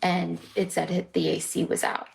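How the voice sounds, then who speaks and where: Gravelly-voiced woman giving a report. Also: on the low side, little pitch movement, normal speed. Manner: matter-of-fact, detailed. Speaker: apartment manager. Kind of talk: report to police.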